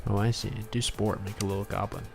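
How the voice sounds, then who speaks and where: A fast-talking game developer hosts a laid-back drawing livestream, joking with his viewers in a gravelly, low-leaning voice with a flat delivery. Music plays behind him throughout.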